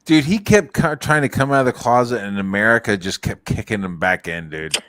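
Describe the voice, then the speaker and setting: A man's voice: on the low side, animated, brisk, fairly bright tone, dry recording. A man hosting a podcast, chatting casually and crudely, rambling and acting out quotes. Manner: crude, rambling, acts out quotes in exaggerated voices. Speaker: podcast host. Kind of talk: casual comedic chat.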